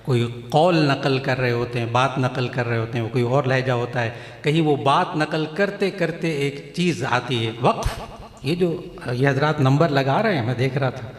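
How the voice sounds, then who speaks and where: A man gives a teaching address in a large mosque hall, his voice sitting at a middle pitch. He spells out each point slowly and repeats key phrases as he demonstrates them. The sound rings with long, roomy reverb from the hall. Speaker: cleric addressing a recitation contest. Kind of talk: explanatory address to an audience.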